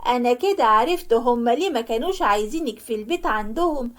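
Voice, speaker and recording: A woman voicing a sharp-tongued young married daughter who scolds loudly, with an Egyptian accent, in an animated story. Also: a little high, quick pace, natural voice. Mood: scolding. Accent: Egyptian Arabic. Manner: loud, harsh and scolding.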